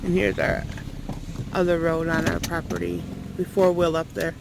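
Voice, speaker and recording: A middle-aged man with an Appalachian accent and a creaky voice, chatting casually in a folksy, teasing way from a moving car. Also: on the high side, moderate pace. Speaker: vlogger. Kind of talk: casual chat while showing the area. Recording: loud wind and vehicle noise.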